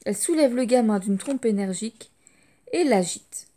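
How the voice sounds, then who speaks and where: A woman reading a children's storybook aloud, lively and expressive. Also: fairly high pitch, normal speed. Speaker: audiobook storyteller.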